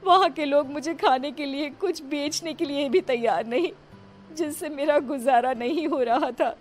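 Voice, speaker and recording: A woman's voice: sits high, normal speed, faint music behind, voice pushed up, lightly acted. A woman voicing a young pregnant widow who pleads tearfully. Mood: sorrowful.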